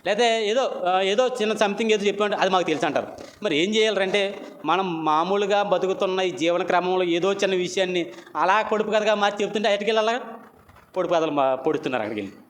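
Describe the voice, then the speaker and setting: A middle-aged male preacher telling a Bible story in an animated way, acting out the characters' lines. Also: high voice, fast talker, slight background noise. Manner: animated storytelling, acts out quoted voices. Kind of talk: sermon, Bible story retelling.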